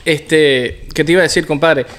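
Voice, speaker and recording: A Venezuelan man talks casually with friends, joking around and dropping slang. His voice rests a touch higher than most men's. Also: steady tone, moderate pace, a bit bright, slight background noise. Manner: chatty, joking, uses slang. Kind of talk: casual chat.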